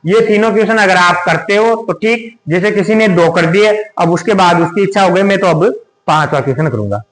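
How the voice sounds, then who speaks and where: Man, teacher, high voice, rhetorical questions, repetitive, roomy echo. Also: brisk, fairly bright tone. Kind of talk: exam tips lesson. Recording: echoey room.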